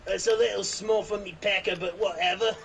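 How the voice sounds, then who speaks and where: A brash, crude outback Australian bloke, as a man puts him on brags loudly in over-the-top bluster. His voice is a little raised and gravelly, and a noisy voice-chat mic hisses behind him. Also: high-pitched, steady tone, a little fast. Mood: boastful. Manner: loud exaggerated mock Australian bluster with 'crikey' and 'mate'.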